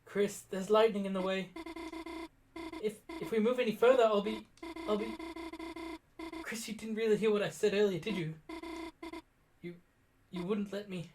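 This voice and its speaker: A shy young deer girl who worries out loud and trips over her words, her voice pitched up high and anxious, as a man reads her lines from a video game. She sounds hesitant and fragile, never quite finishing a thought before she doubts it. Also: steady tone, soft background music, close to an everyday voice. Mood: worried. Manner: halting, stammering. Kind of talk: reading game dialogue aloud.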